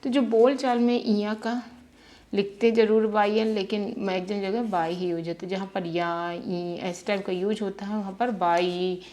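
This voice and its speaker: A woman's voice: mid-range voice, fairly even intonation, normal speed, warm tone. A woman teaching beginners how to spell syllables, repeating each sound patiently and checking in often.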